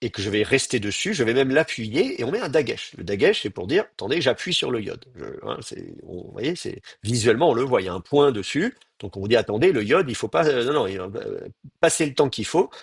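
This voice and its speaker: A man lecturing a class, explaining step by step and often pausing on fillers as he sounds out words. His voice is a little husky and swings widely in pitch. The sound is close and dry. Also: sing-song, dry recording. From France. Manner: explains patiently, hesitant fillers, demonstrates pronunciations aloud. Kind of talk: university lecture.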